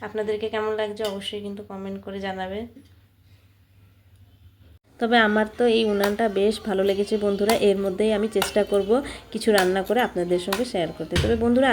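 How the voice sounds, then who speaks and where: A woman's voice: medium pitch, fairly even intonation, fast, a little mellow, slight background noise. A woman chatting casually to her viewers as she films a home vlog on a phone camera. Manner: chatty, friendly, often addresses viewers as friends. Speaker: home vlogger.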